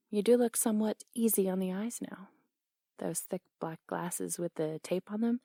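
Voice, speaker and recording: A young woman voicing a brash, teasing tomboy boxing coach in an audio role-play, blunt and quick to laugh. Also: mid-range voice, warm tone, no echo, clean studio sound.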